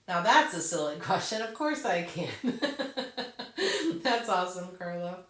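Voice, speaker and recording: A fairly low, sing-song voice with a fairly bright tone comes from a woman speaking slowly. English is her first language, and she hosts a casual craft Q&A, answering viewer questions, thinking aloud during a computer demo, and laughing frequently. The sound is roomy and a little far from the mic.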